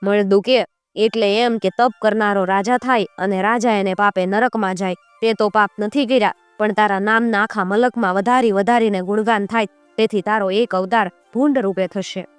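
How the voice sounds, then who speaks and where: A woman storyteller recounts a traditional folk tale, giving the characters their own lines as she goes. Her voice is smooth and resonant, recorded close and dry. Faint music plays beneath her. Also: medium pitch, steady tone, normal speed, no room sound. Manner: voices characters in quoted speech.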